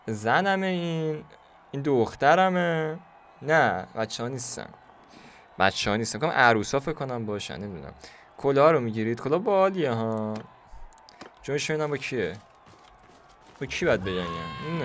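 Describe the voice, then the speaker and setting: A young man casually commentating a video game he plays, joking, chatting to the game characters and sometimes bursting into shouts. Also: mid-range voice. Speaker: gaming YouTuber. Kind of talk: casual Let's Play commentary.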